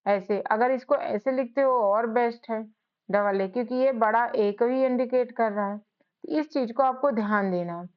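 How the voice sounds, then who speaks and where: A woman's voice: a little high, moderate pace, clean tone, lo-fi sound. A woman teaching spelling, who spells words out letter by letter and repeats each word. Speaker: English teacher, channel host. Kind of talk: spoken spelling lesson.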